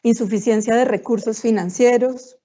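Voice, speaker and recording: A woman presents in a mellow, measured way, working slowly through a list. Her words keep dropping out on a bad video-call connection, and the sound is muffled and lo-fi throughout. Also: on the high side, steady tone. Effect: choppy, breaking-up video call audio. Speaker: webinar presenter. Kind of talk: formal online presentation. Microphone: computer mic on a video call. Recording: muffled, cutting-out internet call.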